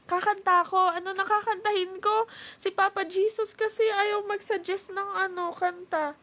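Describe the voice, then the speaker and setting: A woman's voice: very high voice, flat delivery, moderate pace, fairly bright tone. A woman with a Filipino accent hosting a casual live stream from home, giggling and chatting as she reads viewer comments into her phone. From Philippines. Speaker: livestream host.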